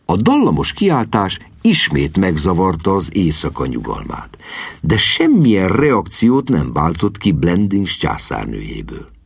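A man narrating an audiobook in an expressive, droll way. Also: low voice, vocal fry, husky, no room sound.

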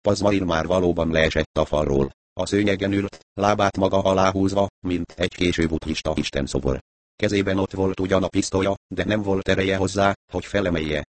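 A man narrating an audiobook, measured and matter-of-fact. His voice is very low, and the studio recording is dry and close. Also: steady tone, dry recording. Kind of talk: audiobook narration of a crime novel.

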